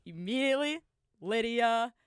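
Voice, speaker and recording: A woman's voice: on the high side, animated, normal speed, a loud crowd. A young woman co-hosting a sports radio show, upbeat and playful in casual chat. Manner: upbeat, playful, reads updates.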